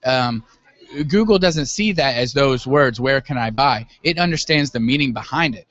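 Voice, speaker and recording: A man's voice: a little high, fairly bright tone. A man speaking as an interview guest, explaining his business field in an earnest, somewhat hesitant, casual way. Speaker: guest, web business owner. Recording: dull, lo-fi audio.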